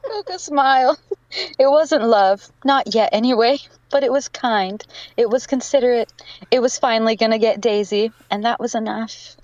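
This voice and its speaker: A woman's voice: a little high, moderate pace, a little mellow, no room sound, highs cut off. Giggly woman reading a fan fiction aloud. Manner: giggling through her reading. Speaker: narrator.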